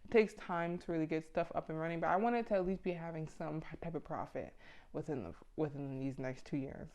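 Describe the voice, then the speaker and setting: Her voice is deep with a darkish tone and runs a little fast. She's a vlogger in her mid twenties, offering self-improvement advice straight to camera in a casual, motivating style that's blunt, informal, and full of slang.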